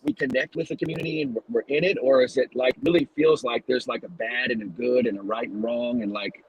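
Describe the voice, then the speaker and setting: A man with a husky, slightly raspy voice at a middle pitch. He hosts a casual podcast interview. He asks long, searching questions that wander before they land. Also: fairly even intonation, brisk, rough recording. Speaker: podcast host.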